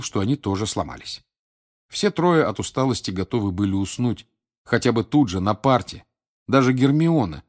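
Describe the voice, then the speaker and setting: A man narrating an audiobook in a calm, measured reading voice. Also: lowish voice. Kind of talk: scripted narration.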